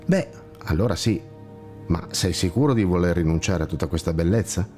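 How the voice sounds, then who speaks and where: A man voicing a gentle, kindly blind monk with a slightly ironic touch, who guides a companion with calm reassurance in a storybook tale. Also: low voice, moderate pace, soft background music, close to an everyday voice.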